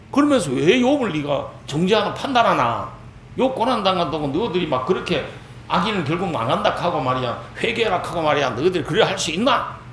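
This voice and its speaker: A man's voice: on the high side, a bit bright, slight background noise. A man voicing an angry older biblical man who scolds his friends heatedly and emphatically.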